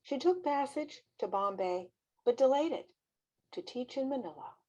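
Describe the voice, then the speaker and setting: A woman presenting a devotional fireside, reading a biographical narrative aloud in a measured, expressive way. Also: sits high, lo-fi sound.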